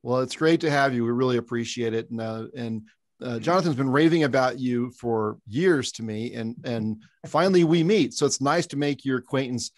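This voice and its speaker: Man, podcast co-host, jokey, reads sponsor lists, mid pitch, dry sound. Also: moderate pace, dry recording. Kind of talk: upbeat webcast hosting with sponsor read.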